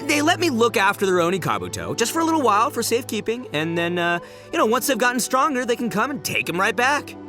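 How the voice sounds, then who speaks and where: Over music, a man voices a cocky, brash young beetle-fighting champion in a video game, his pitch extremely high and sing-song. He talks fast with few pauses, slangy, boisterous, boastful, and laughing often.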